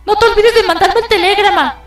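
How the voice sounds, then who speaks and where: Man putting on a shrill young woman, squeaky falsetto, very high, quick, echoey distant room, faint music. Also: a bit bright. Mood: chatty. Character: shrill young woman making grammar mistakes.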